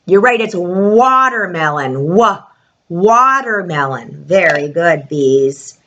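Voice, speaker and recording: A woman's voice: on the low side, expressive, slow, a bit bright, muffled recording, a little hiss or hum. A woman teaching an alphabet lesson to young children in a broad singsong presenter's delivery, asking prompting questions and stretching out key words.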